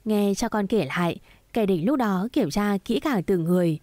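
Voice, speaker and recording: A tender middle-aged mother, voiced by a woman reader, patient and sorrowful in a spoken romance story. She talks softly and coaxingly at an ordinary pitch. The recording is dry and close. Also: lively intonation, normal speed, no room sound, close to an everyday voice. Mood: recounting.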